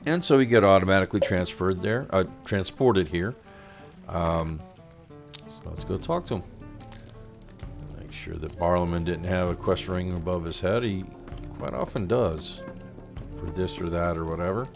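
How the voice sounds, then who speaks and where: A man's voice: deep voice, moderate pace, vocal fry, long pauses. A man hosting a let's play, chatting casually with lots of fillers and reading quest text aloud, with game music behind him. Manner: relaxed, with many fillers.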